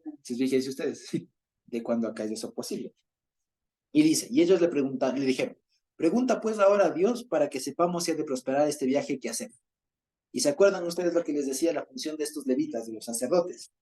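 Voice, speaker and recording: A man's voice: on the high side, a little fast, warm tone. A man leading a Bible study, reading passages aloud and often checking in with his listeners. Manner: keeps checking in with the group, reads passages aloud; chuckles while explaining.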